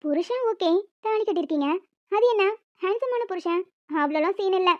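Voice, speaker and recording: A flustered young cartoon wife who scolds and pleads in turn, voiced by a woman. Her voice is extremely high. The recording is dry and dull, with a lo-fi sound. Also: animated, fairly quick, no room sound. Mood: flustered scolding. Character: shy, feisty young newlywed wife. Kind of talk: cartoon voice acting.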